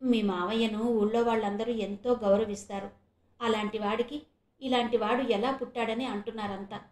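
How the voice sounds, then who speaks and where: A woman's voice: on the high side, a little mellow, roomy sound, natural voice. A woman voicing an elderly grandmother who speaks plainly and scolds about her grandson.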